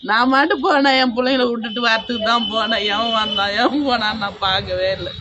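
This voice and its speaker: A woman's voice: on the high side, fairly even intonation, fast talker, lo-fi sound, noisy background. A woman, crying as she tells a reporter about being robbed, in a wailing, repetitive lament. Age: 50s. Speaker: robbery victim interviewed by a reporter. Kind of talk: emotional street interview.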